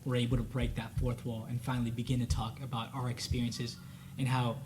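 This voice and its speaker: Speaking briskly with little pitch movement, a young male student panelist whose native tongue is Spanish reflects earnestly during a casual discussion. His medium-pitched speech carries many fillers, and there is background noise.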